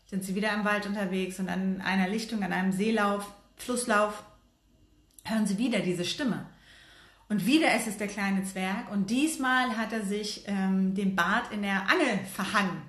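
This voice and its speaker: Woman, casual fairy tale retelling, hesitant, lots of fillers, mid pitch, echoey room. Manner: hesitant, many fillers and self-corrections. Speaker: storyteller. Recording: roomy echo.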